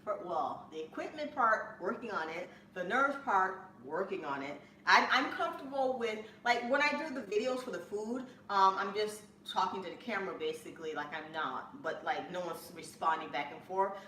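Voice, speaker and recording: A woman hosting a home cooking live stream, chatting in a rambling way with bursts of excitement, from her kitchen. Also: mid-range voice, normal speed, hardly any pauses. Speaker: cooking channel host. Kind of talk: casual live-stream chat. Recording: echoey room, mic at a distance, faint room noise.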